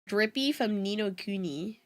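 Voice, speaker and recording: A woman's voice: mid-range voice, lively intonation, unhurried. A woman streamer chatting casually while reacting to videos, rambling with many fillers. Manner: trained in voice acting.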